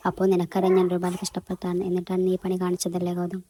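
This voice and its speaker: A woman voicing a hurt, angry young man in a storybook romance, speaking quietly and flatly. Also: lowish voice, quick pace, slight background noise, lightly acted.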